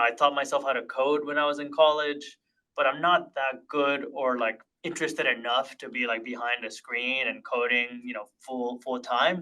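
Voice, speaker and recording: A man's voice: mid-range voice, sharp tone, rough recording. A man in his thirties, born in Honduras, talking as a podcast guest in a reflective, casual way with many fillers and restarts. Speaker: podcast guest, tech partnerships leader. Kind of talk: casual interview chat.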